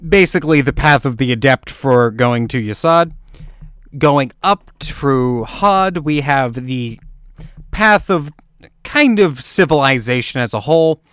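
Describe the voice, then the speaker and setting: A man's voice: medium pitch, a bit bright, smooth, no room sound, clean studio sound. A young man giving a rambling, informal lesson, repeating his points for emphasis and swearing offhand. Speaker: amateur occult teacher. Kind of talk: casual explanatory lecture.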